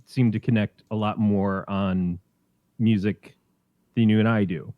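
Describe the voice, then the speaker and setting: A man's voice: fairly low pitch, steady tone, unhurried, dry recording, narrow, tinny audio. A man co-hosting a podcast in casual chat, rambling and hesitant with many fillers and restarts, chewing on a cough drop. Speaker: podcast co-host.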